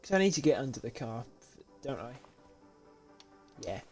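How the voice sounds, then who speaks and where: Sleepy and yawning, a young man from Britain rambles through live commentary on a car repair game, talking to himself, restarting often and laughing. His darkish, medium-pitched voice has a sing-song lilt and moderate pace, captured on a desk mic with webcam over faint background music.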